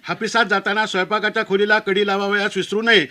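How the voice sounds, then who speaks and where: A man voicing a prim, practical young wife who reads out her plain household letter slowly. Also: sits high, level tone, pushed and bright. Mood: matter-of-fact.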